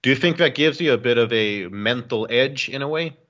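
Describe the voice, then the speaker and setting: A man's voice: mid-range voice, lively intonation, brisk, fairly bright tone. A man interviewing fighters, fluently and articulately putting conversational questions. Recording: dull, band-limited audio.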